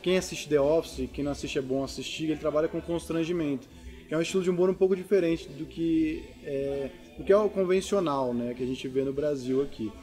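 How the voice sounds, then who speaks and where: A man's voice: a little high, brisk, dark tone, soft background music. A man with a Brazilian accent, a stand-up comedian, talking casually and reflectively in an interview.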